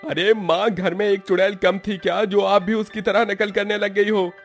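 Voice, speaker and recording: A man's voice: sits high, little pitch movement, normal speed, faint music behind. A man voicing a frightened, easily startled young adult son in a cartoon story, complaining.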